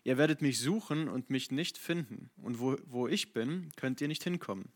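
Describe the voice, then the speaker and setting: A calm male teacher who speaks with slow, earnest authority, as a man reads him aloud. The voice sits at a middle pitch and stays in the reader's own everyday tone. It is a plain Bible reading with no put-on character. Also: lightly acted.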